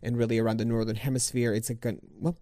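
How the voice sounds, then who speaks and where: Podcast co-host, male, mellow dry voice, loose rambling delivery. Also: mid-range voice, level tone, fast, dry recording. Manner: rambling, full of fillers and restarts. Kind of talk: casual chat.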